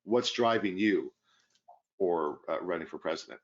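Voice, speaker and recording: Man, host, lowish voice, friendly, restarts, muffled lo-fi sound. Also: moderate pace. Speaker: interview host. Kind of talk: casual interview.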